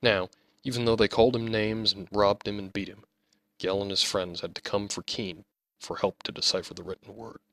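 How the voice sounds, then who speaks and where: A man narrating his own fantasy novel as an audiobook, reading in a measured storytelling manner. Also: on the low side, little pitch movement, fairly bright tone, no echo.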